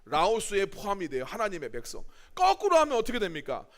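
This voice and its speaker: A man's voice: sits high, huge pitch swings, fast. A middle-aged male pastor preaching a sermon, full of rhetorical questions and acting out quoted voices. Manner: acts out quoted voices of churchgoers and Jesus.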